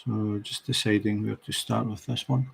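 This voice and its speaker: The diamond painting livestream host is a middle-aged Scot whose fairly low voice is creaky with a breathy edge. Unhurried and at ease, he chats casually with viewers in his Scottish accent.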